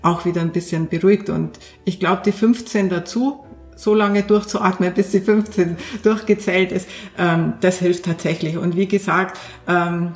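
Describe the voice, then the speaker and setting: A podcast guest who works as a coach, recorded in an echoey room. the voice is neither high nor low. the coach talks earnestly, explaining ideas step by step with examples and plenty of hesitations. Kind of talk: explanatory interview talk.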